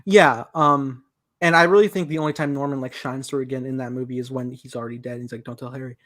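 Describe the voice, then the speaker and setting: A man's voice: medium pitch, fairly even intonation, fast, a bit bright, no room sound, studio quality. A man hosting a podcast in casual chat, rambling along with lots of fillers and restarts. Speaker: podcast host.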